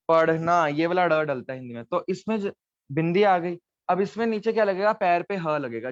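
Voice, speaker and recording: Male teacher, patient step-by-step explainer, slightly raised pitch, dry dull recording. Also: dry recording. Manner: patient, explains step by step, checks with "theek hai". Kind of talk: online Gurmukhi lesson at a board.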